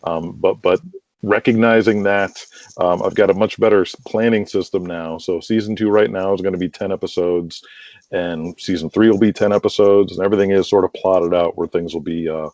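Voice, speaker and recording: The writer of a wrestling audio drama, here an interview guest, speaks in a low, slightly mellow voice with fairly even intonation and a brisk pace. His casual answers ramble on, peppered with "you know" and "like." The call recording is dull and lo-fi with roomy echo.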